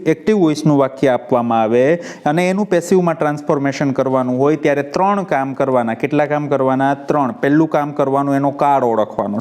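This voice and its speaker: A man's voice: fairly high pitch, darkish tone. A man with a Gujarati accent teaching English grammar in a video lesson, drilling students with repeated questions and answers. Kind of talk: classroom-style video lesson.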